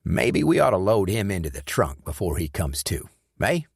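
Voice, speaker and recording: A man voicing a gruff Southern friend with a gravelly voice and a plain, blunt drawl, in an audiobook. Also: low voice, sing-song, moderate pace, dry recording, studio quality, full character voice.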